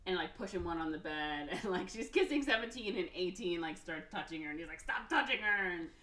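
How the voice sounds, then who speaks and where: A woman hosting a podcast and recapping a movie in casual chat. She tells it with animation, says "like" a lot and slips into quick acted quotes. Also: lowish voice, lively intonation. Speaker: podcast host. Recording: roomy, from a distance off the mic.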